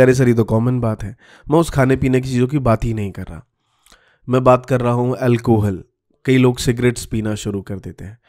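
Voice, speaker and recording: Male presenter, mellow tone, direct motivational study talk. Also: medium pitch. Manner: direct, advising, mixes English words into his talk. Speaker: YouTube study-tips presenter.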